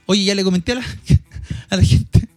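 A man's voice: high voice, fairly even intonation, normal speed, no room sound, soft background music. Joking Chilean man on a podcast. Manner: joking, slangy, playful. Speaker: podcast co-host. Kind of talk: casual chat.

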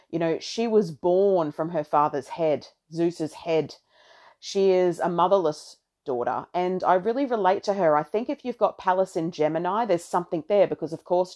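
Woman with a lowish voice, chatting spiritually. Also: darkish tone. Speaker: astrology podcaster and content creator. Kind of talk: casual spiritual monologue to followers. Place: bedroom, sitting on a bed.

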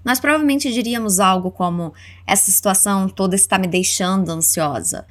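A woman with a Brazilian accent teaching English words, saying each one slowly and clearly for listeners to repeat. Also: medium pitch. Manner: slow, clear modeling of words for repetition. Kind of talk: language lesson narration.

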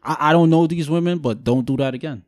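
A man's voice: on the high side, fast talker, darkish tone, no room sound, clean studio sound. A man from Guyana in casual podcast chat, blunt, opinionated and slangy.

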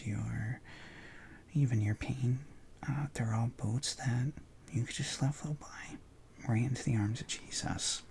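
A man leading a guided contemplative prayer session, talking softly in a hushed whisper with long pauses and relaxed, informal asides. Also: mid-range voice, gravelly, slight background noise. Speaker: prayer leader.

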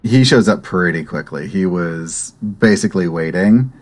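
A man running a tabletop role-playing game as game master, narrating in a calm, matter-of-fact way. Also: low voice, normal speed, slight background noise.

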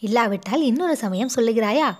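A woman's voice: fairly high pitch, animated, brisk. A woman voicing a composed royal princess who speaks firmly but soothingly, in a storybook reading. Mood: calm. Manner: firm yet gently soothing. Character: composed royal princess, elder-sister manner.

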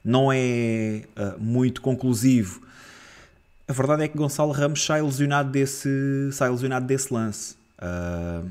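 A man with a European Portuguese accent co-hosting a football podcast, talking in a casual, animated way that turns heated and exasperated, with frequent restarts. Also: mid-range voice, unhurried, clear, resonant tone. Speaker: co-host of a football club podcast. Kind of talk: casual football analysis chat.

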